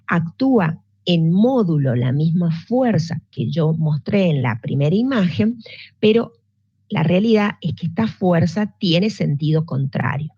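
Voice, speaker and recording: A woman's voice: on the low side, dark tone, breathy edge, dry recording. A woman teaching physics in an online class, explaining patiently and checking in with her students. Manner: patient, explanatory, with frequent restarts and check-ins. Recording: dull lo-fi sound.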